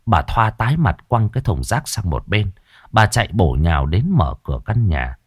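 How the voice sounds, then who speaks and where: A man narrating a dramatic village story in an expressive storytelling style. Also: on the low side, normal speed, husky, no echo, studio quality.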